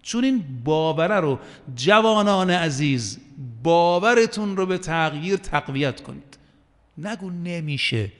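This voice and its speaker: A man's voice: on the high side, expressive, fairly bright tone, in a large hall. A man preaching a sermon, earnest and emphatic, quoting Arabic verses.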